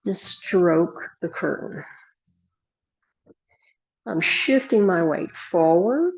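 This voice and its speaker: A low-pitched woman leads tai chi with serene, unhurried cues for movement and breath. Her voice is husky with a gravelly creak, and she leaves space between short instructions. The recording sounds a bit dull and lo-fi. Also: lively intonation.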